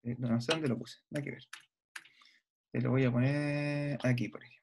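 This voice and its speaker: A man's voice: mid-range voice, level tone, normal speed, background noise. A man teaching an online class, explaining step by step and often checking in with his students, with some hesitant fillers. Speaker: university lecturer. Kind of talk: online lecture.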